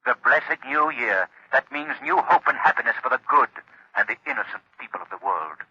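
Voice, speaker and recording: An actor playing a menacing unseen avenger who passes judgment in slow, domineering pronouncements, in the style of 1930s radio drama. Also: male voice, medium pitch, expressive, bright, forceful tone, husky, dry recording, heavily acted. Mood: stern condemnation. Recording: dull, lo-fi 1930s radio recording.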